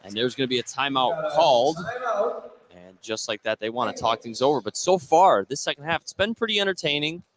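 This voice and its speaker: Over clearly audible noise from a live gym, a man delivers radio play-by-play of an indoor basketball game, his clipped, running phrases keeping pace with the action. His mid-range voice is expressive and brisk, though the recording quality is low.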